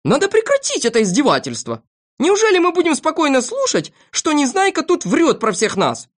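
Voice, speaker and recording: A woman voicing an indignant little boy doctor who shouts in outrage, reading a storybook. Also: high-pitched, wildly swooping pitch, brisk, voice pushed up. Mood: outraged.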